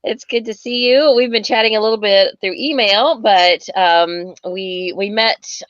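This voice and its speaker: A woman's voice: mid-range voice, measured pace, fairly bright tone, no echo. Chatty woman host heard over a phone. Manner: chatty and upbeat, many fillers and restarts. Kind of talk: casual live-stream book interview. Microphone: phone mic. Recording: dull, dry phone audio.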